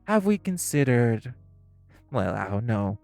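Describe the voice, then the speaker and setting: In an audio roleplay, an actor plays a smug, catty male crime businessman who mockingly needles the others with sarcastic, provoking, flirtatious jabs. His mid-range voice is sing-song and darkish with vocal fry, delivered at a measured pace over soft background music with no room sound.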